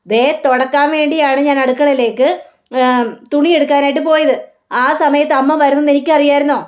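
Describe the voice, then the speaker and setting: A hurt daughter-in-law played by a woman defends herself against blame. The voice is high. She is heard in a soap-serial retelling. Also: level tone, fairly quick, close to an everyday voice. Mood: defensive.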